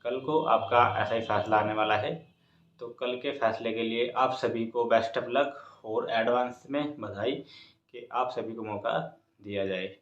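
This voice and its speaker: Speaking unhurriedly in a mid-range, slightly bright voice, a man hosting an exam coaching YouTube channel updates students on their exam informally. He's repetitive but encouraging, and the recording is echoey, dull and muffled.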